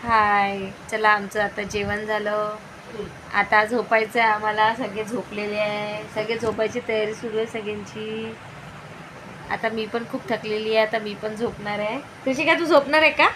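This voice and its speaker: A woman's voice: mid-range voice, little pitch movement, normal speed, noisy background. A woman in her thirties filming a casual family vlog at home, chatting to viewers and coaxing a small child. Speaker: family vlogger.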